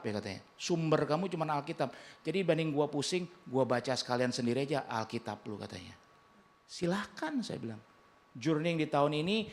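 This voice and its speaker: A man's voice: a little high, creaky. A male pastor with an Indonesian accent, preaching a sermon in a conversational, humorous way and acting out the dialogue he quotes.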